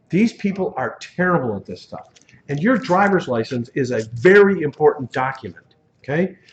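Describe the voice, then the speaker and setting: A male truck driving instructor lectures a class, talking casually and telling warning stories about paperwork. His voice sits slightly high for a man. The sound is dull and lo-fi, recorded in a classroom. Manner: conversational, tells cautionary stories, acts out dialogues.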